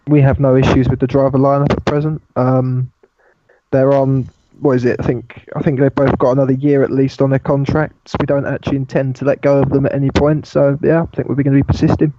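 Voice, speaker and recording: A man's voice: medium pitch, flat delivery, brisk, mellow, lo-fi sound, a little hiss or hum. A British man speaking as a team boss guest, blunt and swearing freely. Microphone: online call mic.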